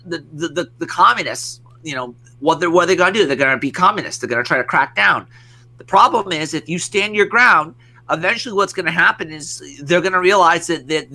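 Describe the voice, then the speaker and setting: Brash male podcast host, bright forward voice, rambling profane rant, slightly high. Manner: rambling, profane, many restarts.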